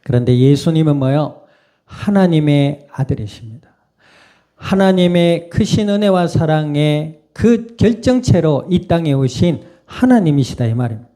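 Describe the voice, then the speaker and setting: A man's voice: a little high, animated, unhurried, mellow. A male pastor, preaching in a conversational way and often putting questions to the congregation. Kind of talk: sermon.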